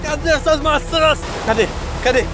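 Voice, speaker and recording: A man's voice: very high-pitched, moderate pace, over music, a crowd in the background, rough recording. A man hosting a casual outdoor survival challenge vlog, talking in slangy, exclamatory bursts.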